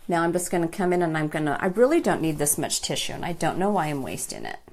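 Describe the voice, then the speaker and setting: A chatty woman hosts a relaxed makeup tutorial live stream and talks to her viewers as she goes. Her voice has a gravelly edge, and her pitch moves up and down a great deal. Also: fast. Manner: chatty, talks to viewers by name while working. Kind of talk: casual makeup tutorial chat.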